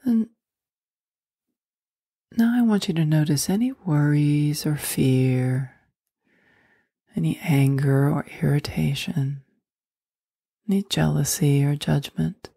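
A woman leading a guided meditation in a soft, soothing voice that often drops into a whisper. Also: sits low, slow, vocal fry, slightly rough, no echo, clean studio sound.

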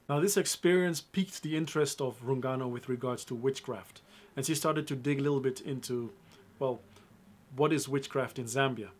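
A man's voice: medium pitch, moderate pace. A young man presenting a film review to camera in an upbeat, emphatic way, speaking straight to his viewers.

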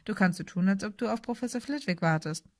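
A woman's voice: mid-range voice, fast talker, no room sound, studio quality, natural voice. A woman voicing a cheeky schoolboy who talks in a mocking, offhand way. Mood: teasing.

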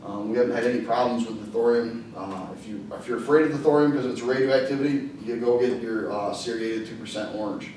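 A man's voice: medium pitch, a little fast, few pauses, a little mellow, a little hiss or hum. A man in his thirties teaching welding at a whiteboard, talking casually with plenty of ums and uhs. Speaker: welding instructor. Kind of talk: classroom lecture. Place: classroom at a whiteboard. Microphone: far camera. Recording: echoey classroom from far off.

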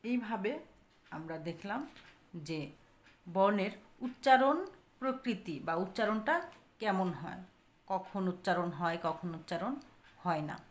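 This is a woman teacher covering pronunciation in a grammar class, her voice medium in pitch. Example words come slowly and more than once, and she responds to the questions she raises.

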